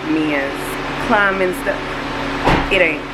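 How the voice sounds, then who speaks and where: A woman's voice: lowish voice, slow, very noisy. A young woman, out of breath as she vlogs chattily outdoors and complains dramatically. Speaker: vlogger. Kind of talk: casual vlog chat. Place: outdoors on a hiking trail. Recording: loud music behind voice.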